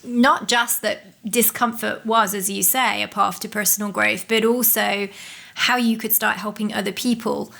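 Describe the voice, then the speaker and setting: A woman co-hosting a podcast, asking her guest a question in a measured way with some filler sounds. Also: mid-range voice, fairly even intonation, gravelly, sharp tone. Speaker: podcast co-host. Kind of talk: interview questions.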